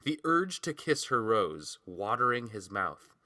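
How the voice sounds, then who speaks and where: Male audiobook narrator, low and bright-toned, measured delivery, dry close studio sound. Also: very animated, dry recording.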